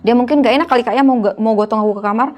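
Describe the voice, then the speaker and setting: A woman's voice: on the high side, very fast, darkish tone, faint music behind. Chatty young woman with a lilt. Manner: chatty, keeps addressing the listener as "Kak". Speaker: guest storyteller. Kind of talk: casual horror storytelling.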